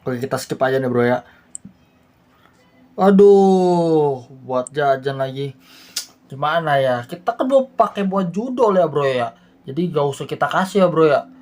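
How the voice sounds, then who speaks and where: A woman's voice: sits low, animated, a little slow, long pauses, a little mellow. A woman hosting a gaming channel, chatting casually over a game in slangy, laid-back commentary. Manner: chatty, slangy, keeps saying "bro".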